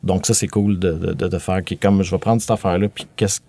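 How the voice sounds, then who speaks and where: A man's voice: deep voice, steady tone, quick pace, gravelly, dark tone, no echo. A man in his late thirties with a Quebec French accent. He is a film director talking reflectively in a casual interview, stammering and laughing between thoughts. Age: late 30s.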